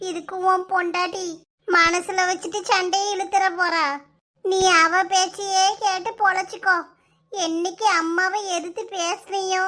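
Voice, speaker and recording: A woman voicing a dramatic, scolding old village mother-in-law in a Tamil cartoon, loud and wailing, with a Kanyakumari Tamil accent. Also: extremely high pitch, full character voice. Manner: loud, wailing and self-pitying. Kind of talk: cartoon voice acting.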